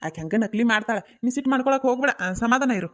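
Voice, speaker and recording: A mid-pitched, quick-talking village father, voiced by a performer who keeps trying to calm everyone down. His speech has a North Karnataka accent and a gentle, coaxing manner. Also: natural voice. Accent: North Karnataka Kannada. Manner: coaxing, calming tone. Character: soothing village father, peacemaker.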